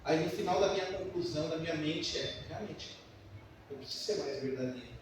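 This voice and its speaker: A man's voice: a little high, fairly quick, background noise. A man preaching a sermon in a church, emphatic and full of personal stories. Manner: emphatic, storytelling. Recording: echoey church hall from far off.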